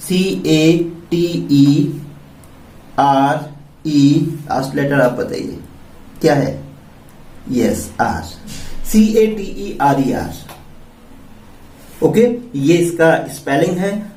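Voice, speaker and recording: A man with an Indian accent teaches English words in an unhurried, deliberate way, spelling each one out letter by letter and putting questions to his listeners. His voice sits a little high and sounds as if it was caught from a distance in a room with plenty of echo. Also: lively intonation, darkish tone. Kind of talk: classroom-style vocabulary lesson. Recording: echoey room, mic at a distance.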